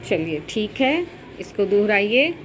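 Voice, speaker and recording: A woman teacher giving a grammar lesson, slowly spelling out words piece by piece and repeating them for her students. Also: mid-range voice, big pitch swings, a little hiss or hum. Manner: slow, spelling out words syllable by syllable.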